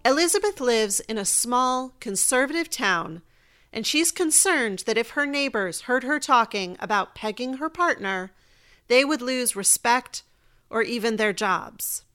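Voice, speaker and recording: A woman's voice: on the high side, lively intonation, measured pace, pushed and bright, clean tone. A woman hosting a podcast, giving scripted introductions and asking interview questions. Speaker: podcast host, intimacy coach.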